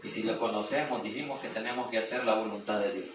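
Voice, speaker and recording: Echoey preacher in a Bible study. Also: male voice, on the low side, steady tone. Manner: reads scripture slowly and loudly, then explains with questions to the group. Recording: echoey room, mic far off, noisy.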